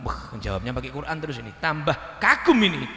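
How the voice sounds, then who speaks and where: A man preaching a lively storytelling sermon, joking with the audience and quoting scripture. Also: fairly high pitch, brisk. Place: school hall. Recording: echoey hall reverb.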